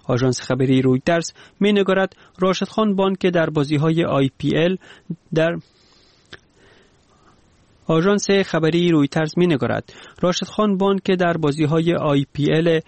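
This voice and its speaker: A man's voice: a little high, a little mellow, dry recording. A man reading scripted sports news, sometimes restarting his sentences.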